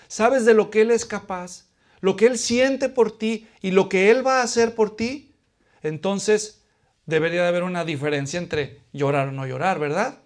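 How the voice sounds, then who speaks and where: A man from Latin America preaching a sermon who asks his listeners questions and answers them, moving between hushed pleading and loud emphasis. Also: sits high.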